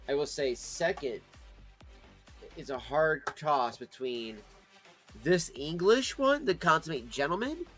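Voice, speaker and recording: Male livestream host, medium-pitched, casual and chatty with a rambling, informal delivery over faint music. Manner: informal, rambling, addresses chat as friends. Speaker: livestream host reviewing pipe tobacco.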